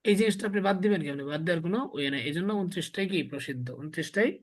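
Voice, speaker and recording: A man's voice: sits high, racing. A man teaches a beginners' class on the Arabic alphabet. He drills the letter sounds one syllable at a time, repeats them often and keeps asking his students to say them back. His first language is Bengali. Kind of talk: classroom lesson with call-and-response drilling.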